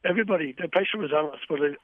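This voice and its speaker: A man with a Wexford accent from Ireland speaks in a slightly high voice over a thin, phone-like radio line. He sounds candid and earnest, reflecting as an interviewed coach and repeating phrases for emphasis. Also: very fast, no echo. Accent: Irish, Wexford. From County Wexford, Ireland. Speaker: amateur boxing coach, interviewee.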